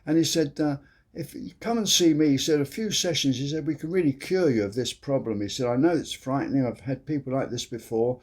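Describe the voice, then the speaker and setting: A man's voice: mid-range voice, a little fast, darkish tone. An older man hosting a comedy show, telling long rambling jokes in a chatty, casual way. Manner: chatty, rambling storyteller with frequent "you see".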